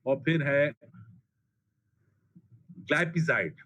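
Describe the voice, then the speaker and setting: A man's voice: a little high, lively intonation, slow pace, fairly bright tone. A man giving a pharmacology lecture, blunt and colloquial, repeating drug names for emphasis. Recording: dull lo-fi classroom recording, faint noise.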